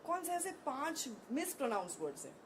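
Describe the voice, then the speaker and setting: A woman interviewer on a conference stage asks polite, prompting questions. Her voice is slightly high. Clear background noise from the hall runs under her words. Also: very animated, a little fast.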